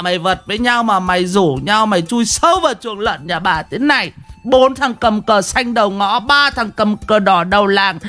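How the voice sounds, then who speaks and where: A man voicing a sharp-tongued village woman who wails and curses in a long rhythmic tirade. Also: high voice. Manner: wailing, rhythmic cursing tirade. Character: shrill foul-mouthed village woman, furious.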